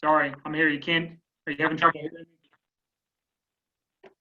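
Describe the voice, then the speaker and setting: A man's voice: a little high, flat delivery, a little fast, pushed and bright. A man chairing a conference call, talking hesitantly with many fillers over a crackly phone line that keeps breaking up.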